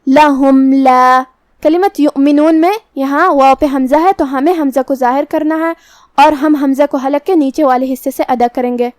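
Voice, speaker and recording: High-voiced woman teaching methodically. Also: no echo. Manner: calm, methodical, explains each letter slowly. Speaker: Quran recitation teacher. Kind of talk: step-by-step tajweed lesson.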